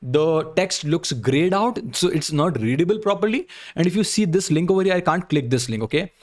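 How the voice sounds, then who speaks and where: Man, Indian accent, fairly high pitch, blunt explanatory critique, instructive, frequent tag questions. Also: animated, a little fast. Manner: blunt, instructive, repeats points with frequent "okay?" tags. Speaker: video creator reviewing job application emails.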